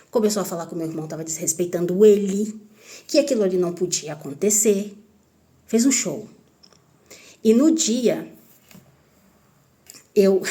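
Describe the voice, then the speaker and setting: A woman with a Brazilian accent, candidly telling a personal story to her viewers in an emphatic, animated way. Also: medium pitch. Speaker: channel host.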